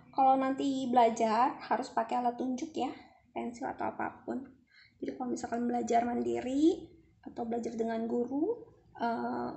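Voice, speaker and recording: A woman's voice: on the high side, vocal fry, darkish tone. Woman teaching letter sounds, echoey room. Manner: patient, demonstrates letter sounds by repeating them. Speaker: Quran reading teacher. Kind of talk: casual spoken lesson.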